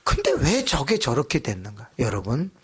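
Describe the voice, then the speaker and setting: A man's voice: medium pitch, huge pitch swings, normal speed, slightly rough. A man pastor preaching a sermon in a church, telling a story animatedly and acting out voices.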